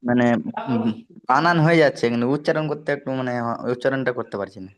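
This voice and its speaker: A male student in an online class asking his teacher a question, hesitant and halting. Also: medium pitch.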